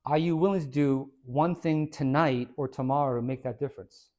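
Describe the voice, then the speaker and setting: A man who is a fitness trainer, giving an informal, energetic talk to a small audience. He quizzes the listeners and tags many points with "right?". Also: mid-range voice, moderate pace. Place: hair and skin salon, indoors.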